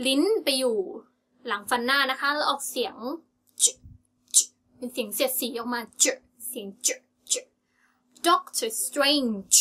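A young woman teaching English pronunciation in a casual lesson, drilling words slowly and repeating them with stress. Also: fairly high pitch, a bit bright.

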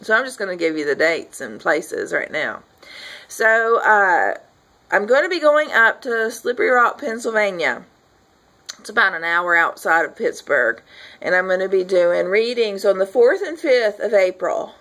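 A woman's voice: mid-range voice, animated, normal speed, fairly bright tone, rough recording. A woman in her forties giving a casual, rambling video update from her living room, talking into a webcam with plenty of fillers. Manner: chatty, rambling, frequent fillers and affirming yeahs. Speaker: folk artist and healer. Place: living room at home, indoors. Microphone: webcam at desk distance.

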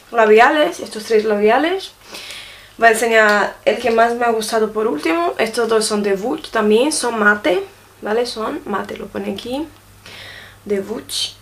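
A woman casually reviewing makeup gifts, showing each item to the camera and often checking in with her viewers. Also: on the high side. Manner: chatty, often checks in with a quick question tag; shows items to the camera while talking. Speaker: beauty vlogger.

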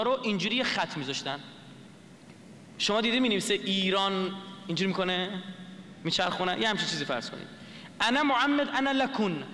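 A man's voice: high voice, sharp tone, long reverb tail, a little hiss or hum. A man lecturing to an audience, explaining a script letter by letter and asking the listeners questions.

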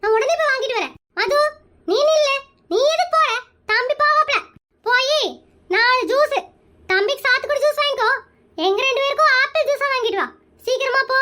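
A shrill, very high, sharp-toned cartoon aunt who nags and bosses everyone in rapid-fire bursts. She scolds nonstop and talks over people, all in a comedy cartoon register. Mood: bossy. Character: bossy meddling middle-aged aunt, loud and scolding.

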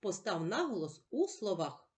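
A woman teacher giving a slow, patient reading lesson for children, asking questions and answering them herself. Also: medium pitch, very animated, darkish tone. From Ukraine.

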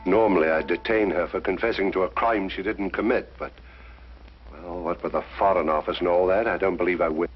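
An actor playing a dogged, stolid police inspector with a formal, officious manner in a 1950s television drama. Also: male voice, sits low, fairly even intonation, brisk, slightly rough. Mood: formal, stern. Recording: dull 1950s broadcast soundtrack, music behind.

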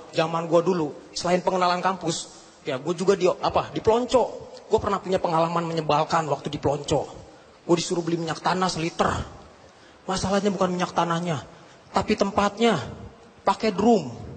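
This comedian's fairly high, husky voice runs a little fast as he delivers slangy, self-deprecating punchlines. The stand-up set takes place on a TV studio stage in front of a live audience, and the broadcast carries crowd sounds and noise.

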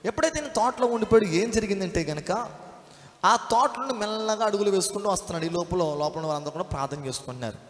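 A man's voice: high voice, fast, fairly bright tone. A man preaching a sermon, storytelling and firing rhetorical questions at the congregation. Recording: echoey hall.

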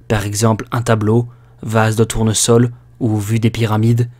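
A man narrating a horror audiobook with measured, expressive storytelling. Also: lowish voice. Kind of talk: dramatic audiobook reading.

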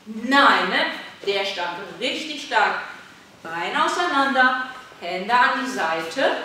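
High bright woman coaching kids, echoey. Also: recorded from a distance, a little hiss or hum. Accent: German. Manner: encouraging, coaxing young children with loud calls. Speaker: children's movement coach. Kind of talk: leading a kids' online workout. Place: indoor room. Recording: very echoey room, voice off-mic.

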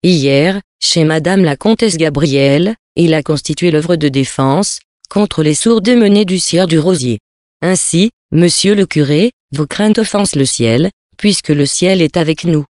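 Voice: medium pitch, measured pace, darkish tone, no room sound, studio quality, lightly acted. A reader voicing a self-important abbé, the bishop's secretary, speaking with a pompous air in a storybook reading.

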